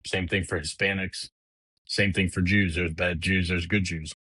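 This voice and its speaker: A man's voice: deep voice, fairly even intonation, normal speed, sharp tone, breathy edge, dry recording, low-quality recording. A middle-aged man hosting a podcast, ranting casually in a blunt, heated, profane way with frequent restarts. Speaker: podcast host. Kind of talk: casual political rant.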